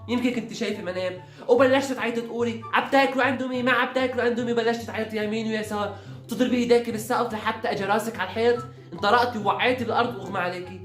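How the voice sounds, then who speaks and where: A man playing a calm son who explains things in a low, soft voice in a comedy sketch. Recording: roomy echo, faint background music.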